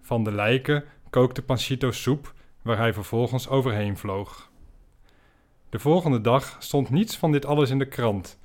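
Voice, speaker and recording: A man hosting a podcast, telling an absurd comic story in a dry, deadpan way. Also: mid-range voice, measured pace. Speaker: podcast host.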